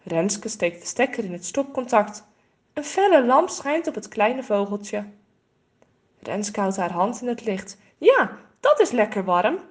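A woman reading a children's story aloud, expressive and clear. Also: mid-range voice, measured pace.

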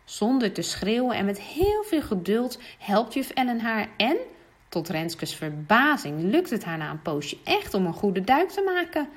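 A woman reading a children's story aloud, expressive as she acts out the characters. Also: mid-range voice, unhurried.

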